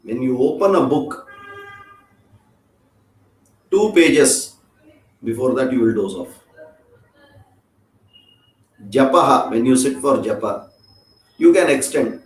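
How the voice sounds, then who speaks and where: A man's voice: mid-range voice, animated, measured pace, long pauses. A man with an Indian accent teaching an informal scripture class, chatty and joking, often checking in with his listeners. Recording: roomy echo.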